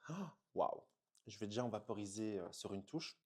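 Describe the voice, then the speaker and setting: A man's voice: fairly low pitch, fairly even intonation, normal speed. A man from France reviewing perfumes in an enthusiastic unboxing video, gushing with frequent exclamations and hesitant fillers.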